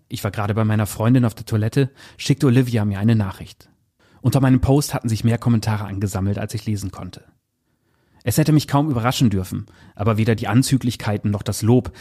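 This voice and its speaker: A man presenting a novel, reading an excerpt aloud and then discussing it in a calm, measured way. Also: fairly low pitch, slightly rough. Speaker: book reviewer. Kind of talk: book review with read-aloud excerpt.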